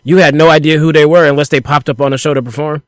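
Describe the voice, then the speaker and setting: Guy with a kinda higher voice telling stories on a podcast, swears casually, dry close mic. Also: quick pace, no room sound. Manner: animated storyteller, casual and profane. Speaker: podcast co-host. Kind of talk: casual chat.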